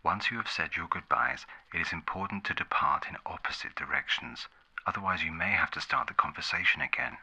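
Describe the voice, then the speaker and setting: A man playing a formal, condescending 1950s public-service ad announcer in a whispered role-play, a soft gravelly voice and deadpan, measured delivery. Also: heavily acted, rough recording. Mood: deadpan instructive. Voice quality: breathy, soft, gravelly low voice.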